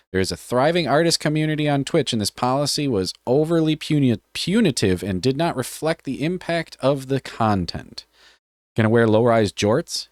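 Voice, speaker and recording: A man with a mid-range voice reads a policy out loud during a live stream, bantering with his chat and swearing often. The recording is dry and studio-clean. His manner is joking and offhand, full of casual cursing.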